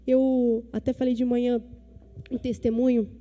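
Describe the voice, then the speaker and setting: A woman pastor in her thirties from Brazil delivers a sermon in a high, strikingly bright voice. She talks emphatically, repeating phrases and acting out little dialogues to drive each point home. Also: little pitch movement, normal speed, highs cut off.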